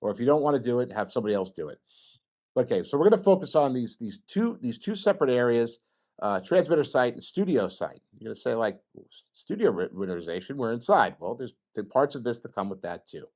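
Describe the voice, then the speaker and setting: A middle-aged man gives an informal technical talk with slides. His pitch swings widely and animatedly. He jokes and throws questions to the audience. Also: fast talker. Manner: lively, joking, asks audience questions. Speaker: presenter at an engineering society meeting.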